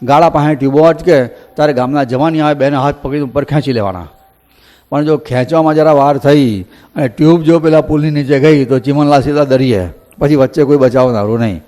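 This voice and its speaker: A man telling a devotional story in a folksy, animated way, acting out the villagers' voices. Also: a little high, fairly quick. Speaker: katha storyteller. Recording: echoey hall reverb.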